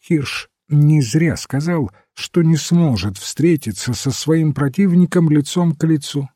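Brief: a man playing a quiet, shrewd priest in an audiobook, slow, dark and husky. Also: a little high, no room sound, studio quality, voice pushed up. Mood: thoughtful. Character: calm, perceptive male priest detective.

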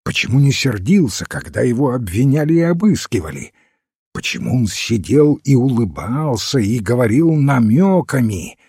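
A man's voice: mid-range voice, very animated, normal speed, dark tone, no echo, clean studio sound. A man voicing an impatient, blunt police detective who demands plain answers, in a storybook reading. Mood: baffled. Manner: gruff, pressing for plain answers.

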